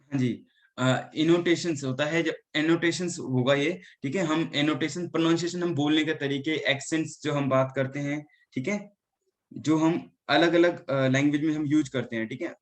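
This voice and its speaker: A man's voice: a little high, normal speed. A male teacher giving an online class lecture, mixing Hindi and English and often checking in with the students. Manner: mixes Hindi and English, keeps asking "ठीक है?". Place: indoor room.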